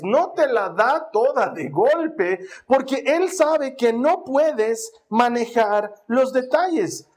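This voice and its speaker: Preacher, man, high and husky, very animated storytelling with sound effects. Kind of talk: storytelling sermon.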